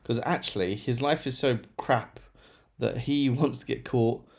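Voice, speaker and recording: A man's voice: medium pitch, unhurried, creaky. A man chatting casually through a monthly book review, rambling with self-deprecating asides. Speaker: book vlogger.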